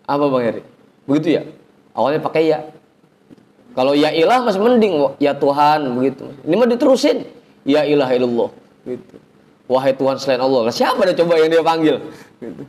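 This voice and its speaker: A man teaching an informal religious lesson, chanting Arabic phrases slowly, then explaining in a chatty, teasing way. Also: a little high, lively intonation, darkish tone. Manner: chatty, teasing the audience, colloquial asides. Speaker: ustadz teaching a religious study circle.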